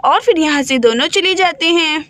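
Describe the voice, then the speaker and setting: A woman narrates a doll-play story in plain storytelling lines. Her voice is very high and bright. It is recorded close and dry. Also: normal speed, no echo.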